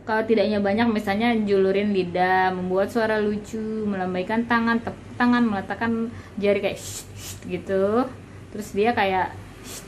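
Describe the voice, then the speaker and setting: Young Indonesian mom host, casual how-to explainer, mid pitch, slight background noise. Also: female voice. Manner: chatty, addresses viewers as "Mam". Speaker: parenting channel host.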